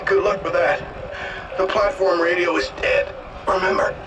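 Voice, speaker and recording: A man's voice: high voice, flat delivery, a little slow, very noisy. An actor playing a wounded, despairing man in pain in a sci-fi horror game. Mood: resigned despair. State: in pain, distressed. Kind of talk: video game voice acting. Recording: roomy echo, distant from the mic.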